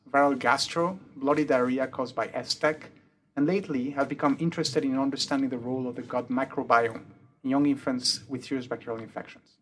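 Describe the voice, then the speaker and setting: Man, French and Mexican accent, emergency doctor, methodical explainer, faint background hiss. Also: mid-range voice. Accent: mixed French and Mexican Spanish. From born in the UK, grew up in Mexico. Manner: methodical, lists points in a steady explanatory way. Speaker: pediatric emergency physician, interviewee. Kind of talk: explanatory interview answers.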